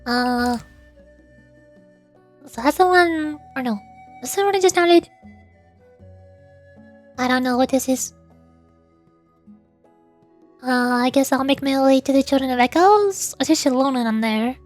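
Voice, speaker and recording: Close on the microphone, a VTuber game streamer chats casually and mutters playfully to herself over game music. She speaks in a high voice at a measured pace, pausing often.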